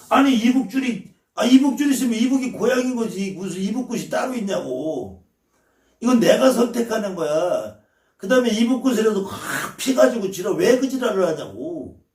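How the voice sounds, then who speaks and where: A man's voice: high-pitched, darkish tone. Blunt cursing shaman guy lecturing, sounds far off in an echoey room. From Chungcheong, South Korea. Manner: blunt, scolding, swears freely. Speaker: shaman teacher. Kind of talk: lecture to viewers.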